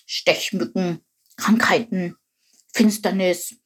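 A woman's voice: lowish voice, steady tone, slow pace, slightly rough. A woman voicing a know-it-all male frog who tells the story in a matter-of-fact, slightly smug way.

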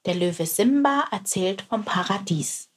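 A woman calmly narrating a children's animal story. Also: mid-range voice, a little slow, slightly rough.

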